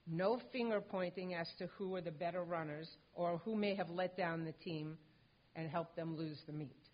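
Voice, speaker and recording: An older woman on a stage in a large indoor hall accepts a hall of fame honor for her late son, reading a prepared tribute at the lectern. She keeps a fairly low pitch and a composed, measured delivery. Her lectern microphone produces a dull lo-fi hall recording.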